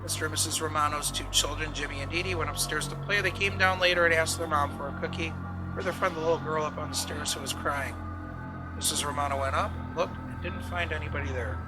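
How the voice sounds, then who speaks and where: A man's voice: fairly high pitch, steady tone, fast, over music, low-quality recording. A man working as a ghost tour guide, telling suspenseful stories with dramatic, emphatic delivery.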